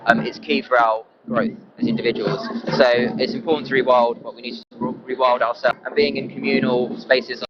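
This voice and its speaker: A man's voice: mid-range voice, level tone, a little fast, hardly any pauses. A man with an Essex accent speaking earnestly and hesitantly as an activist in a casual live interview. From Essex, England. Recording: muffled audio under loud music.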